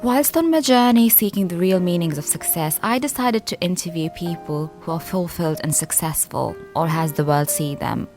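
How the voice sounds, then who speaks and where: A woman narrating a documentary in a measured, scripted voice-over. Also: fairly low pitch, music in the background.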